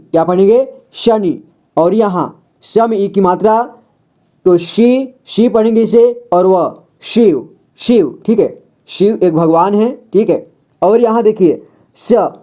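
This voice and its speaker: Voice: mid-range voice, mellow. A patient teacher giving a beginners' reading lesson in voice-over, sounding out each word, asking the learner questions and answering them, and checking in often. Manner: patient, repeats words and checks with "ठीक है"; asks the viewer questions, then answers them.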